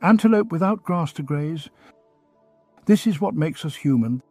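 Soft-toned man narrating a mock-calm outro. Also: a little high, normal speed, no echo, soft background music. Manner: theatrical, gently mocking, grandiose. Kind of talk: mock-soothing scripted narration.

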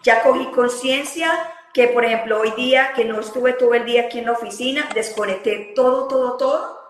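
A woman's voice: fairly high pitch, steady tone, fairly quick, echoey room, slight background noise, poor audio. A woman hosting a podcast, speaking candidly and reflectively in casual conversation, often repeating words as she gathers her thoughts. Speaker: podcast host.

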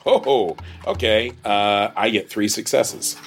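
Man, low voice, tabletop player, casual chat, thinking aloud, faint music behind. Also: slow.

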